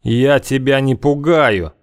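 A man voicing a hard, sinister gang leader who warns slowly and ominously, using thieves' slang. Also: medium pitch, clear, resonant tone, no room sound, studio quality, voice pushed up. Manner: slow, ominous, heavy with slang.

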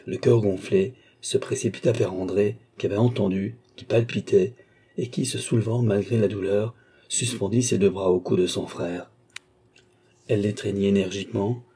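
A man narrating a classic novel as an audiobook in a steady literary reading. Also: on the low side, breathy edge. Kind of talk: scripted narration.

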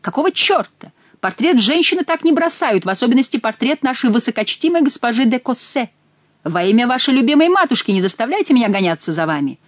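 A woman reading an audiobook and voicing a bold, cheerful young nobleman who talks loudly and teasingly. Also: mid-range voice, expressive, fairly quick, no echo, lightly acted. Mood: shouting. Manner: loud, hearty, teasing.

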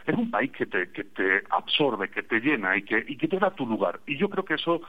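A man's voice: medium pitch, lively intonation, normal speed. A Spanish man with an Andalusian accent, a radio guest calling in and chatting casually, a digressive storyteller with wry humor. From Spain. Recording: tinny phone line.

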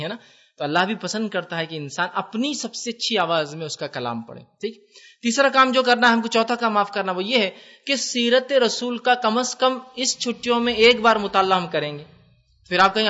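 Bright-voiced man giving a lively lecture. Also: high-pitched, lo-fi sound. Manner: conversational, asks the audience questions; mixes English words into Urdu. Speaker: Islamic lecturer. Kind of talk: religious lecture to students.

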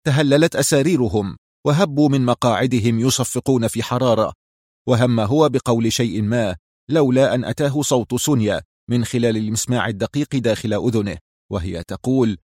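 A man narrating a spy thriller audiobook in a steady storytelling manner. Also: mid-range voice, fairly quick, dry recording, clean studio sound. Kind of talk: scripted narration.

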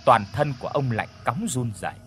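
A man reading a horror story aloud as an audiobook narrator, dramatic, with tense pauses. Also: medium pitch, expressive, a bit bright, slight background noise.

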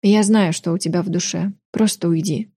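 A woman's voice: on the low side, steady tone, moderate pace, dark tone, breathy edge, no room sound, studio quality. Woman doing a flustered, defiant young sorceress. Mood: ashamed. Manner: flustered, protesting.

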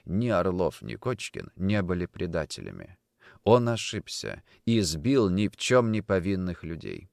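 A man narrating a dramatic audiobook, dropping to a low, quiet voice in grim passages. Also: wildly swooping pitch, measured pace, gravelly, dry recording, studio quality.

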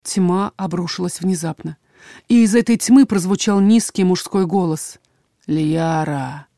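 A woman narrating a first-person fantasy audiobook in a measured, expressive way, on a close mic. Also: medium pitch, no room sound.

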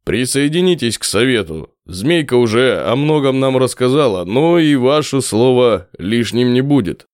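A man voicing a weary, sleepless prince who speaks slowly and with authority in a tired voice. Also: mid-range voice, animated, darkish tone, dry recording, clean studio sound, close to an everyday voice. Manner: slow, measured, authoritative. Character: weary, sleepless middle-aged male prince.

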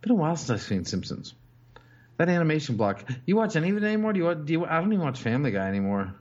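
A man's voice: on the high side, sing-song, rapid-fire, darkish tone, highs cut off. A young adult man hosting a podcast in casual chat, rambling and cursing with lots of fillers. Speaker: podcast host.

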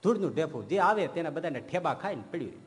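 A man, a swami, giving a storytelling sermon in speech and acting out the quoted saints in lively turns. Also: fairly high pitch, quick pace. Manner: animated storyteller who acts out quoted saints. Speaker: swami giving a religious discourse. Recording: long hall reverb.

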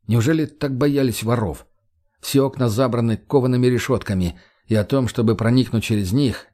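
A man narrates an audiobook in a steady, even manner. His voice sits at a middle pitch for a man. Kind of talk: scripted narration.

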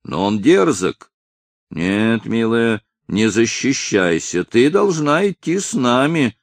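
A man's voice: medium pitch, sing-song, takes it slowly, dry recording. A man voicing a burly, swaggering young ruffian who leads a gang and threatens people. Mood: menacing. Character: menacing burly young male brute, leader.

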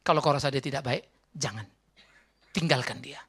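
A man pastor preaching a sermon, emphatic, swinging between soft asides and loud exhortation. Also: medium pitch, moderate pace, slightly rough.

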